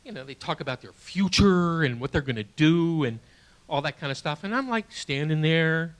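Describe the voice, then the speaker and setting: A man in his late sixties performing a stand-up comedy set in a small theater, with a halting, self-deprecating delivery full of restarts, and audience laughter behind him. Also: on the high side, animated, slight background noise. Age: 60s. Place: small theater stage before a live audience.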